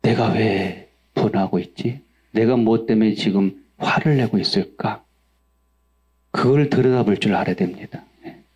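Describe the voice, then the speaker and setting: This sermon comes from a male pastor whose voice is low-leaning, husky, darkish, and unhurried. He acts out angry outbursts loudly and poses questions to the congregation, which he answers on his own.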